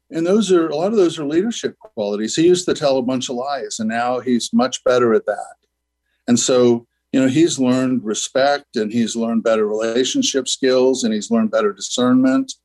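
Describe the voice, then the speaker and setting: Earnest older man, rambling gently. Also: mid-range voice, rough recording. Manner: earnest, rambling, many "you know" fillers. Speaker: guest, school founder. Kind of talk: radio interview.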